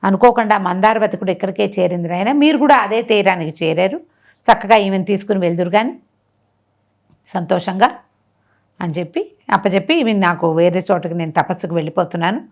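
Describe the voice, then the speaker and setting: A storyteller speaking a little fast at a medium pitch, this woman gives an animated, conversational version of a folk tale, complete with rhetorical questions and dramatized dialogue.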